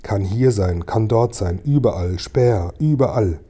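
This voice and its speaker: A man's voice: lowish voice, expressive, measured pace, warm tone, slightly rough. A man reading an audiobook and voicing a frail, starving old man who whispers and wails in fear. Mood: whispering fearfully. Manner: whispering, wailing, fearful.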